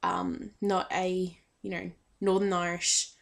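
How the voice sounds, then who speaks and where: A woman's voice: on the low side, little pitch movement, slow, vocal fry. A young woman chatting casually in a fan vlog, hesitant and full of filler ums, a little shy. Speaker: vlogger.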